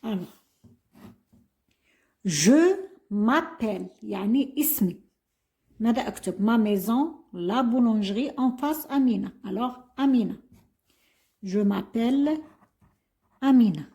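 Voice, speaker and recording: A woman's voice: fairly high pitch, lively intonation, unhurried, pauses often, mellow. An older woman, a retired primary school teacher, explaining an exam. She spells out words letter by letter and mixes French with Arabic. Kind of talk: classroom lesson explaining an exam.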